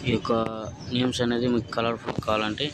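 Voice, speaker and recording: Guy doing a quick editing tutorial, says okay friends every few lines, flat voice, noisy street traffic behind him. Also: medium pitch. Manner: keeps repeating "okay friends" between steps. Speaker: video editing tutorial host. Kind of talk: casual step-by-step phone app tutorial.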